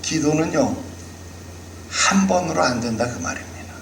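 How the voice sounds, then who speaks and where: A male pastor with a fairly high voice preaches emphatically and keeps turning to the congregation with rhetorical questions. His voice echoes around a roomy church hall, with a faint ambient murmur behind it. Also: animated, normal speed, slight background noise. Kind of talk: sermon.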